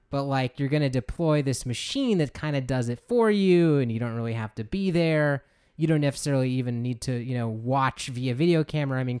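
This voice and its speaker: A man's voice: medium pitch, a little mellow, smooth. A man talking through ideas in a casual podcast discussion, rambling with fillers and wry jokes.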